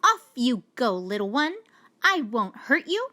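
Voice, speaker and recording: A proud, boastful male storybook lion, acted out by a woman. The voice is bright and deliberate, speaking slowly with self-assured emphasis. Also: a little high, very animated, heavily acted. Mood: magnanimous.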